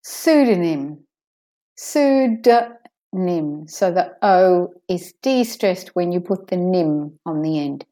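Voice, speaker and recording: A woman leads a pronunciation lesson, saying each word twice at a very unhurried pace. Her voice sits low and sounds mellow and soft-edged. She stresses syllables deliberately as she teaches.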